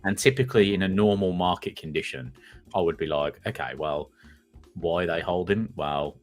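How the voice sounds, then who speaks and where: A very deep-voiced man co-hosting a casual trading show. He thinks aloud in a measured way, with lots of "you know" and restarts. Faint music runs softly behind him. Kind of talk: casual market chat.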